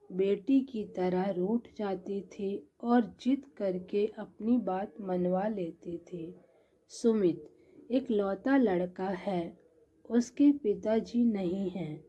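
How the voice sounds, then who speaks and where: A woman telling a family story in a slow, measured reading. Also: mid-range voice. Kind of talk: scripted story narration. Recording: dull lo-fi recording.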